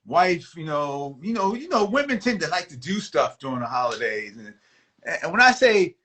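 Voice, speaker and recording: A man talks on a video call in a fairly high, bright, ringing voice. He chats as an emergency doctor being interviewed, friendly and animated, laughing often and stumbling into quick restarts. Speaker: emergency medicine doctor, guest. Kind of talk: casual interview chat.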